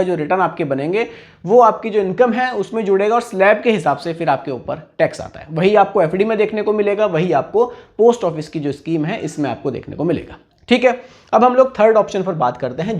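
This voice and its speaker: A man's voice: sits high, a little mellow. A man giving a casual explainer on investments, talking conversationally and often checking in with the listener. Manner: conversational, repeats "theek hai" and "bhai" often. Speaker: personal finance explainer.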